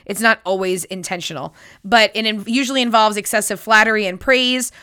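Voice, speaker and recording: A woman's voice: mid-range voice, fairly even intonation, a little fast, pushed and bright, smooth, no room sound, clean studio sound. A woman hosting a chatty solo podcast in a casual, cheeky, sweary way, her voice nasal and congested as if she has a sniffly nose. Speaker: podcast host.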